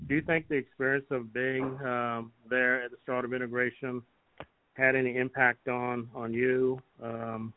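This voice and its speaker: A man's voice: mid-range voice, no echo. An older man conducting an oral history interview, putting his questions tentatively with long hesitations. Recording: thin, phone-like, band-limited sound.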